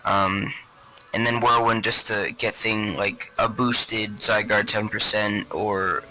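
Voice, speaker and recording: Congested male gamer, lowish pitch, very bright tone, rambling casual breakdown of his team. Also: flat delivery, slow pace, poor audio. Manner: rambling, filler-heavy explanation. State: congested from a cold. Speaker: competitive Pokemon player explaining his team. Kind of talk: casual gaming commentary.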